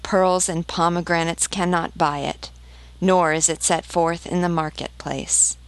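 A woman's voice: lowish voice, steady tone, a little slow, no echo, low-quality recording. A woman reading as an earnest nightingale. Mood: tender. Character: tender female nightingale, earnest and devoted.

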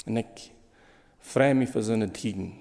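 A man preaching a sermon in with a Low tinge, halting and emotional, repeating phrases as he goes. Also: creaky, a little mellow, long reverb tail.

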